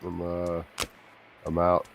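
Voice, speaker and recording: A man's voice: deep voice, monotone, takes it slowly, creaky, background noise. A tired man chatting casually with his friends during a game session, yawning as he talks. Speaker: fellow player on a game stream. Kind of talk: casual gaming chat.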